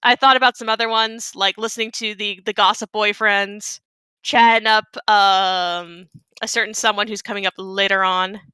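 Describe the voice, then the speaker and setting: A woman's voice: medium pitch, fairly even intonation, moderate pace, pushed and bright, clear, resonant tone, no echo, rough recording. A woman giving casual, chatty live commentary on her own game run, with playful asides.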